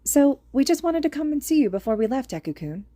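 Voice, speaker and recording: Brief: woman playing a friendly high-voiced schoolgirl hero for a read-aloud story. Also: very animated, a little fast, dark tone, no room sound. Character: cheerful teenage girl hero student.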